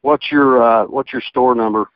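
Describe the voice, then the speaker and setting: A man's voice: medium pitch, fairly even intonation, moderate pace, no room sound. A man heard over a landline phone call, arguing indignantly and stumbling over his restarts. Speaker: prank call target. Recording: muffled phone line.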